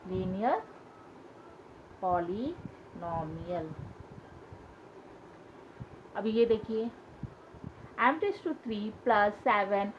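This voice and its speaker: Patient woman teaching maths, slightly high voice. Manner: patient, repeats key points with questions. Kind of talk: classroom maths lesson. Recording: dull lo-fi sound with faint hiss.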